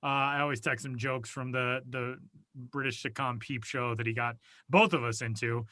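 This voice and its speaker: A man with a medium-pitched, fairly flat voice speaks at a moderate pace, pushed and bright, with no room sound. As podcast co-host he rambles through casual chat with self-deprecating jokes, recorded in a soundproofed closet via home studio mic over a video call.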